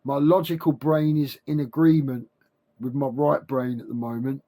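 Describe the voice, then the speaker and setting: A man speaking without his teeth, with soft gummy consonants, giving a halting, repetitive, informal spiritual monologue to camera. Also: medium pitch, little pitch movement. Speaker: self-help video creator.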